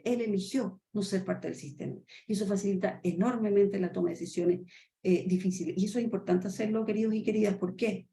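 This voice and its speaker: With a medium-pitched, dark-toned voice, a training consultant from Chile delivers a webinar lecture in an echoey space. She keeps checking in with her listeners directly and acts out conversations between bosses and employees.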